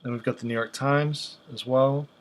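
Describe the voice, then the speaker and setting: Thinking out loud as he browses, a man hosting a video talks through examples in a halting, unscripted way. His voice is flat and even, with very little pitch movement, and his tone is casual.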